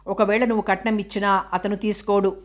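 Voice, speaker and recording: A woman reads out an eager, proud young woman speaking up for her fiancé in a spoken novel. The voice stays on a flat, even line with little rise and fall. The pitch sits at a middling height. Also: a little fast, lightly acted.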